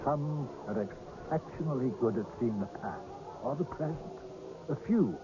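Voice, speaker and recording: A medium-pitched, natural-sounding actor with lively intonation and moderate pace voices a mysterious, courteous old scout of seers in a radio drama. The character is genteel, exact and slightly hesitant, apologizing and reassuring, and the old broadcast is dull and noisy.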